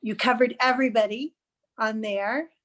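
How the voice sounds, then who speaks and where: A woman's voice: fairly high pitch, steady tone, normal speed. A woman giving encouraging, chatty feedback on a speech over a video call. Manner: encouraging, chatty, gently picky. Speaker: speech evaluator. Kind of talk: giving spoken feedback in an online club meeting. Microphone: computer mic on a video call.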